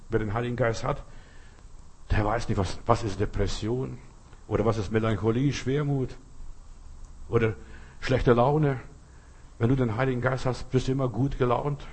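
Husky-voiced preacher man. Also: medium pitch, a little mellow. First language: Lithuanian. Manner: emphatic, repetitive preaching that addresses the listener directly. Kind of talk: sermon.

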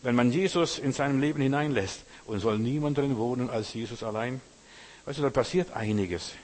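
Man, preacher, sermon, husky, earnest, direct address. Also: mid-range voice, normal speed, a little mellow.

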